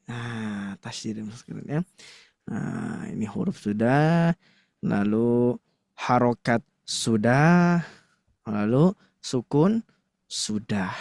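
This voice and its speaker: A man's voice: medium pitch, vocal fry, a little mellow, no room sound, clean studio sound. A man teaching a Quran recitation class to a live audience, chatty and full of fillers, often stopping to quiz the room. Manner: conversational, filler-heavy with frequent "nah", quizzes the audience.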